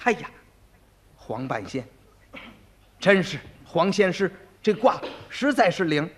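A grand emperor who speaks in formal, old-fashioned court phrasing, as a man puts him on. His high voice swings widely as he speaks. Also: big pitch swings, slow, heavily acted. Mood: stately. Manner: formal, stately speech.

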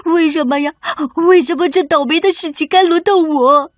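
A woman's voice: high voice, sing-song, normal speed, husky, no echo, clean studio sound, exaggerated voice. A woman voicing Berio, a timid young male sheep who whines and frets in a children's audio story. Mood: scared, whiny. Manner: whiny, fretful.

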